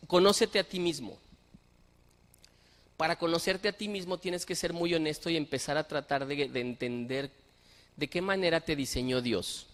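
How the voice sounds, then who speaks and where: A man's voice: on the high side, fairly bright tone. A middle-aged man preaching a sermon, telling stories and asking earnest rhetorical questions. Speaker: pastor. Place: church hall. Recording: church hall reverb.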